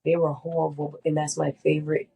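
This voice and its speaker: Speaking fairly quickly in a low, monotone voice that is creaky, mellow, and husky, this middle-aged woman sounds congested. As an interviewee in a casual sit-down setting, she describes her chemo experience with candor and emphasis, repeating words to stress them.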